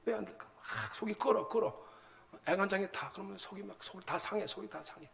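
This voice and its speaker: Lively colloquial male pastor preaching. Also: high voice, fast, vocal fry. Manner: colloquial and animated, with frequent prompting asides to the congregation; acts out everyday anecdotes with sound words. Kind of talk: sermon.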